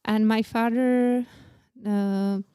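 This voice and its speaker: A woman in her forties with a Czech accent, speaking English as a second language, telling about her life as an interview guest in halting, earnest sentences. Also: fairly high pitch, steady tone, warm tone, smooth, no echo, studio quality. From Czech Republic. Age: 40s. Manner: halting non-native English, plain and earnest. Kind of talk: casual interview.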